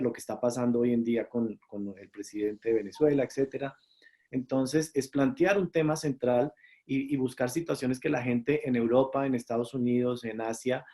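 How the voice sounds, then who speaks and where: A Colombian series producer with a mellow, mid-range voice and a Colombian Spanish accent answers interview questions thoughtfully, with many fillers and restarts.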